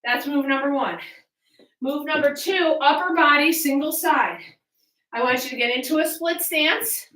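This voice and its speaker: A woman with a high, bright voice leads a workout from a little way off in an echoey room. She coaches in encouraging cues and counts, taking her time over the instructions. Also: normal speed. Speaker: fitness coach leading a home workout. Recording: roomy echo, distant from mic.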